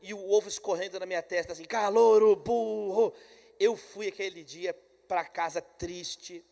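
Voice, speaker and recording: A Brazilian man preaching a conference sermon, telling a story with energy and swinging between loud calls and quiet asides. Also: sits high, fairly even intonation, moderate pace. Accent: Brazilian Portuguese. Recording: long hall reverb.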